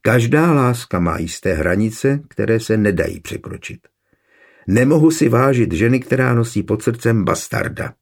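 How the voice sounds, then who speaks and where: A man's voice: medium pitch, lively intonation. A man voicing a cold young nobleman. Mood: cold, curt. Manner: cold and curt. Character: young nobleman, proud, cold then despairing. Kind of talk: audiobook character reading.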